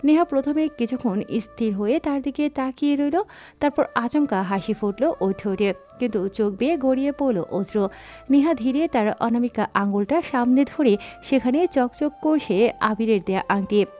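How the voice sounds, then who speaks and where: A woman narrates a dramatic audio story in a steady reading voice, slightly higher than average, at normal speed. Soft background music runs beneath her the whole way through.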